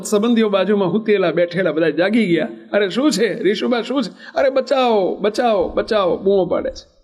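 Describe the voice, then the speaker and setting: A man's voice: sits high, a little mellow. A man, a monk, telling a devotional story in a sermon, emphatic and repeating key phrases, urging his listeners directly.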